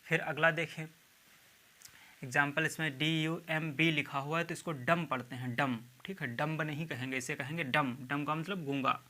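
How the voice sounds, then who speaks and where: A man teaches English spelling in a bright, forceful voice set a little high. He spells each word out letter by letter and keeps checking in with his students. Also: steady tone, normal speed. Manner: repeats "theek hai" often, spells words letter by letter. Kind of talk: video lecture.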